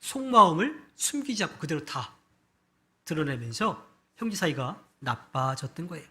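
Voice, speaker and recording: A male pastor gives a Sunday sermon in a church hall, his voice fairly high and notably bright. He tells stories conversationally, changing his loudness and pace as he goes. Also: very animated, normal speed. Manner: storytelling with shifts of loudness and pace.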